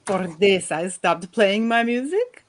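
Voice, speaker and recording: A man's voice: sits high, very animated, slow pace, pitched above the performer's own voice, heavily acted. A man voicing a silky Russian-accented spider lady. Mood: tender, affectionate. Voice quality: soft, silky. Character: large gentle motherly female spider.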